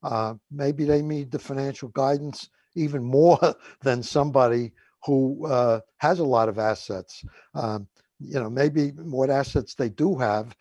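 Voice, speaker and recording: A man's voice: mid-range voice, a little mellow, no room sound. An older man in his seventies or beyond with a New York accent, chatting in a rambling, hesitant way as a radio co-host. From Woodhaven, Queens, New York. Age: 70s or older. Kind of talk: casual reminiscing radio chat.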